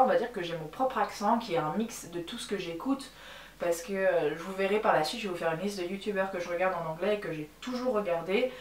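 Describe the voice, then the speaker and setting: A woman's voice: medium pitch, recorded from a distance. Chatty French woman in a roomy space. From France. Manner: chatty, candid, lots of fillers and restarts. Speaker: YouTuber. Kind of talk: casual vlog storytelling. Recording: roomy echo, voice a bit off-mic, faint background noise.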